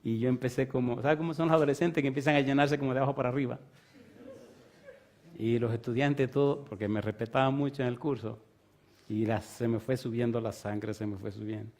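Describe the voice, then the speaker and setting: Lively storytelling male pastor. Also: mid-range voice, a little fast. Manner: lively, conversational, teasing the congregation. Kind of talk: storytelling sermon.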